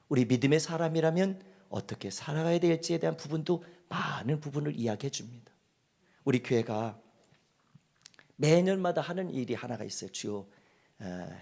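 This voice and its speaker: A man preaching a Sunday sermon as pastor, moving between loud exhortation and soft, breathy near-whispers. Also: mid-range voice. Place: church sanctuary.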